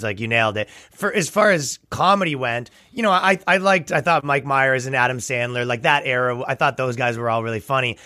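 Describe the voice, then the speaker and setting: A man from Canada with a raspy, gravelly voice, chatting casually as an interview guest. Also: mid-range voice, sharp tone, no echo, clean studio sound. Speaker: comedian and musician, interview guest.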